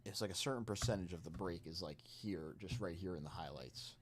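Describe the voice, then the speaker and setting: Low-pitched man hosting a card-break stream. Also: a little fast, slight background noise. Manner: off-the-cuff, chatting with viewers between spot counts. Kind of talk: casual live-stream sales chat, hyping card breaks.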